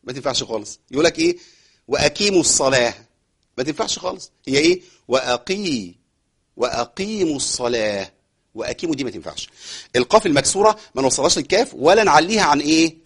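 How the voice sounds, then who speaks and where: Egyptian male recitation teacher, slightly high voice, brisk explainer who shifts into slow chanting. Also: lively intonation, fairly bright tone, husky. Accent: Egyptian Arabic. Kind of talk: recitation lesson.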